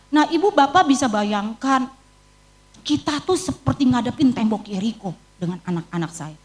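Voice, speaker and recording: A middle-aged woman evangelist with an Indonesian accent, preaching a sermon and telling her own story with feeling. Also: fairly high pitch. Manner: storytelling, emotional, quotes her own prayers. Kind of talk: sermon with personal testimony.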